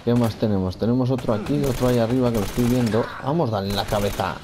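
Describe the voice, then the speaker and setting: A man with a medium-pitched, steady voice talks fast over a noisy background. He's a gamer doing casual let's-play commentary, chatting to himself and his character, repeating phrases and cursing at enemies.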